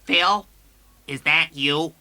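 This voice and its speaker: A man's voice: fairly high pitch, drawn-out words, bright, forceful tone, exaggerated voice. A man voicing a sardonic, grumpy talking duck from another planet in a children's audio story. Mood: urgent, irritated. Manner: sardonic, brash. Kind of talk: dramatized children's read-along audio story.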